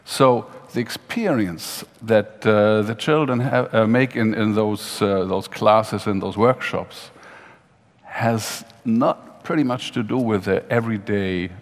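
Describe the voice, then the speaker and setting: Middle-aged male moderator, lowish voice, halting, big reverberant atrium. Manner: halting, many fillers and restarts. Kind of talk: hesitant conversational moderating. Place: large glass atrium hall with audience. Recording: long hall reverb.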